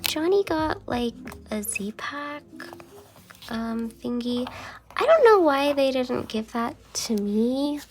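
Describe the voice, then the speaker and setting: Rambling and filler-heavy, a young woman chats as she journals, sometimes dropping to a soft half-whisper, a cold still leaving her voice a bit phlegmy. She speaks slowly in a high-pitched, sing-song way. She's a vlogger who journals.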